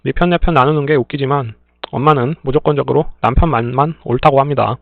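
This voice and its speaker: A man reading listener stories aloud in a plain, steady way, adding brief dry remarks between them. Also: mid-range voice, quick pace, gravelly, no room sound. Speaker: story reader and channel host. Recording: tinny phone-like dry sound.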